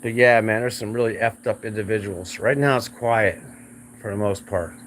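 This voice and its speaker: A man's voice: lowish voice, moderate pace, fairly bright tone, slight background noise. A man talking in a blunt, rambling, repetitive way in a casual vlog rant, recorded outdoors by a road. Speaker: realtor vlogger.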